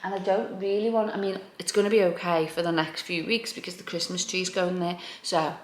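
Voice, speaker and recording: A woman's voice: fairly low pitch, fairly even intonation, brisk. Chatty woman, echoey room. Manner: informal, self-deprecating, thinking aloud. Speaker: home renovation vlogger. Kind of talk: casual chatty room-tour vlog. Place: indoors in a living room. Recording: echoey room, background noise.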